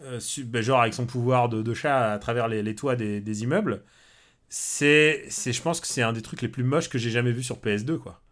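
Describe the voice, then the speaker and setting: A man's voice: medium pitch, fairly quick, a bit bright. A man co-hosting a film podcast in casual chat, hesitant with many fillers and bluntly scornful. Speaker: podcast co-host.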